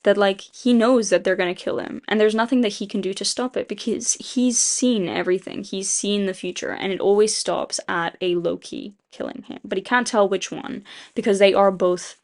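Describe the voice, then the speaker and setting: A woman's voice: mid-range voice, normal speed, a little mellow. A woman casually retelling a story she wrote, rambling and restarting, with frequent "like" fillers and casual swearing. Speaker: video creator. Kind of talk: casual retelling of a fan rewrite.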